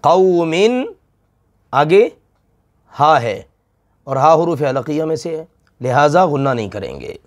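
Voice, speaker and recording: A man's voice: fairly high pitch, big pitch swings, takes it slowly, long pauses. A middle-aged man teaching Quran recitation rules, stretching out the sounds he recites and patiently repeating each rule with questions for the listener. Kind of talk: slow Tajweed lesson with drawn-out recitation.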